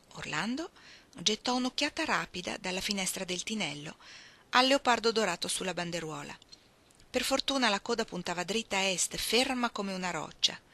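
A woman reading a literary novel aloud, expressive, dropping at times to hushed, almost whispered phrases. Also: medium pitch. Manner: expressive, shifting between soft hushed phrases and emphatic ones. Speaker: reader.

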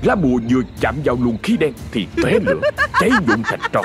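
A man narrating a horror story in a dramatic, expressive scripted reading. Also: medium pitch, a little fast, soft background music.

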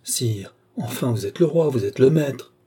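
A man's voice: medium pitch, lively intonation, measured pace, mellow, breathy edge, pitched above the performer's own voice. A man voicing an anxious elderly noble widow who pleads her lawsuit, in an audiobook reading. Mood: insistent. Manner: pleading, insistent.

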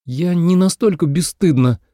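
A quick-tempered young bride who sputters and bristles, as a male narrator puts her on in a far higher voice. The tone is lively and swings about, with a gravelly edge underneath. It sounds close and dry, like a storybook read into a studio mic. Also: no echo, exaggerated voice. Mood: huffy. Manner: indignant, sputtering. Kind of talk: audiobook character voice.

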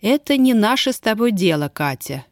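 A woman's voice: medium pitch, big pitch swings, moderate pace, no echo, studio quality, voice pushed up, natural voice. A woman reading an audiobook, voicing an earnest young male army officer who pleads in love and speaks steadily. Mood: steady. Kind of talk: audiobook character voice.

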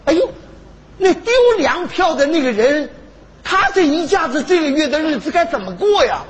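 An actor playing an elderly, doting grandfather who loves retelling stories, in an animated comedy stage sketch. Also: very high voice, moderate pace. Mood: excited storytelling. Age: older. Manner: animated, chuckling storyteller. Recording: noisy broadcast stage recording.

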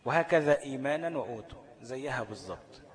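A man with an Egyptian Arabic accent teaches a tajweed lesson at a mid-range pitch. He keeps putting questions to the class, answers them himself and walks through each rule step by step. His voice carries a long, trailing reverb as if in a large hall. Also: expressive, fast talker.

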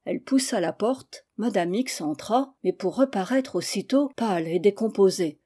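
A woman narrating a humorous novel aloud, with steady, even storytelling. Her voice is mellow and warm, at a middle pitch. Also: moderate pace, breathy edge. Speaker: audiobook reader.

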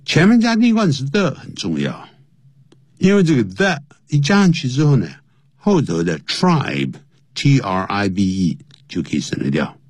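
A man teaching an English lesson, explaining slowly and spelling words out letter by letter, his voice jumping high to stress key points. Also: very animated, no echo.

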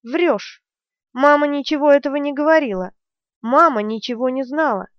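A woman's voice: sits high, moderate pace, no echo, voice pushed up, close to an everyday voice. A woman voicing a furious, brutal male general who barks and rages, in an audiobook reading. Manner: raging, barking commands. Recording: dry, dull lo-fi recording.

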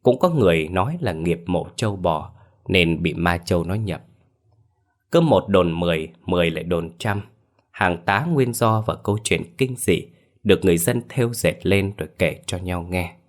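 A man narrating a horror story in a measured, dramatic storytelling voice. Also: low voice, animated.

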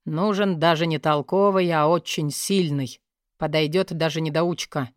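A tired, stern young king speaks in a low, clipped voice, pressing short questions and orders. A woman narrator puts him on, dropping her voice. The recording is close and dry, with no room sound. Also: fairly even intonation, moderate pace, dry recording, close to an everyday voice.

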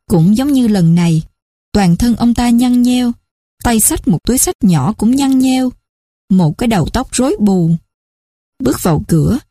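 A woman narrating a story in a steady, measured reading. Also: mid-range voice, no room sound, studio quality.

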